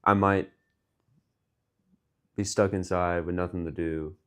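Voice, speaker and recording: A man's voice: sits low, steady tone, slow pace, a bit bright. Laid-back young man chatting casually. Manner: rambling, joking, lots of fillers. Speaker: podcast co-host. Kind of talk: casual chat.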